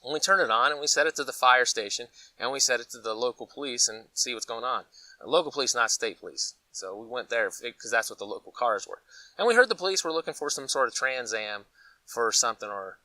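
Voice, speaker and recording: A man from Colorado with a mid-range voice talks fast, hosting a preparedness gear channel in a casual, rambling vlog. He tells animated, folksy stories with acted-out asides. The mic is distant, with no room sound.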